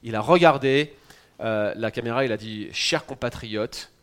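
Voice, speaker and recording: A man's voice: mid-range voice, moderate pace, smooth. A man in his forties from France with a French accent, giving a sermon as pastor in a conversational, teaching way with touches of humor. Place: church in Quebec.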